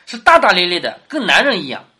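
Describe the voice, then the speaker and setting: A woman's voice: on the low side, sing-song, fast, bright, forceful tone, slightly rough. A woman teaching a classic novel, reading passages aloud and then explaining them, often asking her listener questions. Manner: asks the listener questions, reads quoted lines with more lift.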